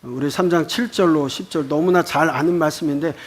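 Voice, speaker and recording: High-pitched guy lecturing at bible school, asks the class lots of questions. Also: a little fast, husky. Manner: explains with rhetorical questions.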